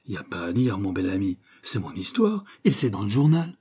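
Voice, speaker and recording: A man's voice: fairly low pitch, very animated, moderate pace, mellow, slightly rough, heavily acted. A man voicing a naive, proud reformed brigand in an audiobook, speaking in slangy, folksy working-class talk.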